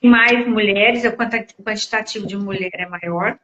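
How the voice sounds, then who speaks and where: A Brazilian woman in her sixties, a podcast guest, reflects casually in conversation and searches for words as she goes. Her medium-pitched voice is fairly even and fairly bright at normal speed, with a roomy sound on slightly dull lo-fi audio.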